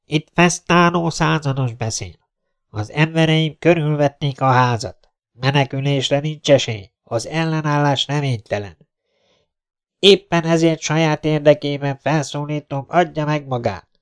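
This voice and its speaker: A man voicing a stern male police captain who gives orders through a loudspeaker. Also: fairly high pitch, clean tone, pitched above the performer's own voice, natural voice. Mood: commanding. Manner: commanding, demanding.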